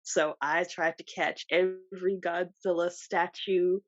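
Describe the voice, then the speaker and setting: Fairly low in pitch, unhurried and fairly even in intonation, this co-host's voice carries no echo over a dull lo-fi recording. She chats casually on a podcast, telling stories and laughing often.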